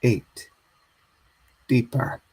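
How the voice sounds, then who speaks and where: A man guiding a slow hypnosis induction, soothing and repetitive. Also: darkish tone.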